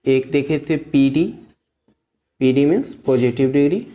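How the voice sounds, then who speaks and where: A man's voice: medium pitch, unhurried, warm tone. A man teaching an English grammar lesson, who keeps asking and answering his own questions and repeating key words for his viewers.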